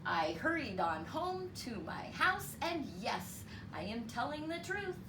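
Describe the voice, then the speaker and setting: Her voice sits high as she performs an expressive, deliberate read-aloud for children, teaching counting along the way with a teacher's manner. Noticeable noise and a roomy, distant-mic sound color the recording.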